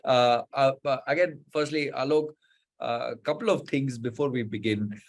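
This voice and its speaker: A man's voice: medium pitch, moderate pace, poor audio. A man from Mumbai with an Indian English accent, hosting a live online show in casual chat, full of fillers and words said three times over. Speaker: host.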